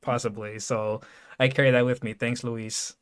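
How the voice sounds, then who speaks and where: A man from New York co-hosting a casual podcast chat, animated and quick to laugh. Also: mid-range voice, smooth. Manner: animated, excitable, laughs a lot. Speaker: podcast co-host.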